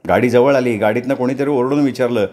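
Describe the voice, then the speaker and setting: A man reading a novel aloud as an expressive storyteller. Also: mid-range voice, fast talker. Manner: expressive storytelling, acts out dialogue.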